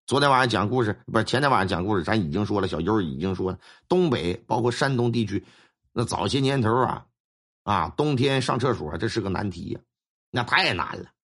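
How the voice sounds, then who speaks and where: A man telling a ghost story in an animated, colloquial way full of sound-effect words. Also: on the low side, brisk. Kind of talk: spoken ghost story narration.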